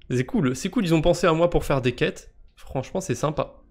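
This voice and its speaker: Joking French man streaming crypto quests. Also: fairly high pitch. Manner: joking, self-mocking, thinks aloud with fillers. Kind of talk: casual live-stream commentary.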